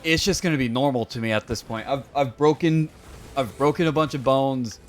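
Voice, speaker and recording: A man's voice: mid-range voice, fairly quick, slight background noise. A young adult man streaming a game, telling rambling, joking stories to his viewers with plenty of filler words. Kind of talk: casual chat with stream viewers.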